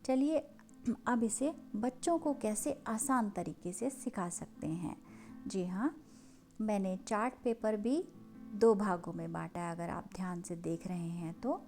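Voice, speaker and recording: A woman teaching a lesson on Hindi vowel signs, stretching each sound out slowly for children to copy. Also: mid-range voice, darkish tone. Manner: slow, drawn-out pronunciation of sounds for children.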